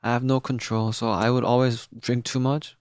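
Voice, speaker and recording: An easygoing podcast co-host who chats in a relaxed, agreeable way and often drops in a quick "yeah" or "mm". The voice sits at a medium pitch. The sound is dry and close, with little room around it. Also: clear, resonant tone, dry recording. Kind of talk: casual chat.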